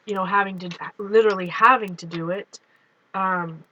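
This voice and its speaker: A woman's steady, mid-range voice comes through pushed and bright at a moderate pace, though the recording is muffled with slight background noise. Settled on her couch at home, she rambles to viewers as she flips through her art journals, speaking with a Canadian accent touched by Minnesota.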